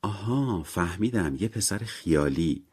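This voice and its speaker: A man voicing a gentle, eager young woman visitor who talks softly and drawn-out in a story reading. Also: low voice, lively intonation, breathy edge.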